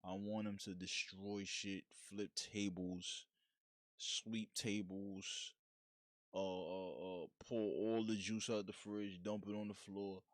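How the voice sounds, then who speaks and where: A man's voice: fairly low pitch, flat delivery, takes it slowly, no room sound, clean studio sound. A man hosting a solo podcast, talking in a frank, slangy, laid-back way in a casual monologue. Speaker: podcast host.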